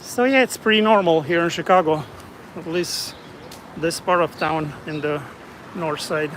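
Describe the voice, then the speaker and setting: A man from Romania casually narrating a walking tour of city streets as an independent reporter, chatty and relaxed. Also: a little high, a little slow. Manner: relaxed, chatty, remarks on passersby. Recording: outdoor street noise behind.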